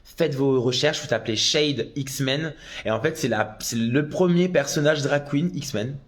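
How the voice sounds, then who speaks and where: Doing a drag live stream on his phone, a man reads viewer comments aloud and replies in a chatty, excitable way, with sudden loud outbursts. He speaks at a measured pace in a mid-range voice.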